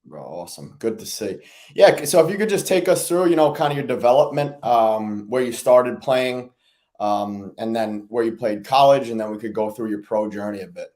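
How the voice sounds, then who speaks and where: A man's voice: mid-range voice, lively intonation, moderate pace, a little mellow. A man hosting a podcast, asking questions in a laid-back way with casual slang and fillers. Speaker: podcast host. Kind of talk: casual interview talk.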